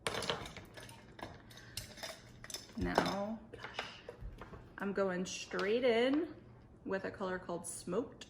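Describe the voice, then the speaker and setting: Sitting at a makeup table indoors, a young adult woman chats casually through a makeup tutorial, relaxed and joking with drawn-out speech. The vlogger's voice is medium-pitched and gravelly, and the room sounds echoey with some faint noise.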